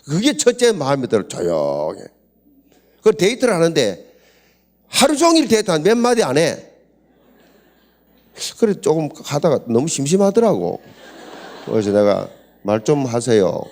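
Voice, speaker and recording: An older pastor with a Busan accent tells stories at a seminar, his voice swinging high and low with lively animation. He acts out quoted voices and laughs often. His voice sits a little high for a man. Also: normal speed, long pauses. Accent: Gyeongsang (Busan). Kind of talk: humorous seminar talk.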